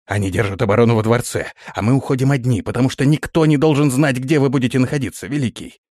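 A man's voice: medium pitch, quick pace, darkish tone, dry recording, clean studio sound, voice pushed up, lightly acted. A man voicing a formal, rule-bound palace guard officer who speaks steadily. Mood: dutiful, formal. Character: dutiful, stiff male palace guard officer.

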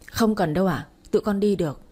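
A woman voices a wronged young wife who speaks with bitter defiance. The tone is dark and husky. The delivery is an audio-story reading. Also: medium pitch, fairly quick, lightly acted. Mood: defiant.

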